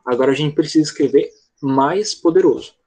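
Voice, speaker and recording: A man's voice: a little high, a little fast, warm tone. A man with a Brazilian Portuguese accent, an English teacher explaining grammar step by step in an online class, often checking whether his student follows.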